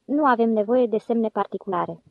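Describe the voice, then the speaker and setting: A woman's voice: a little high, no room sound. A woman reading a scheming, cool-headed male con man leader in a solemn, mock-official manner, on a dull lo-fi recording.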